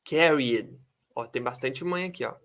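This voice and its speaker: Slow-speaking male English teacher. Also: mid-range voice, fairly bright tone. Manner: switches between Portuguese and English, models pronunciation slowly. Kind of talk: English lesson taught in Portuguese.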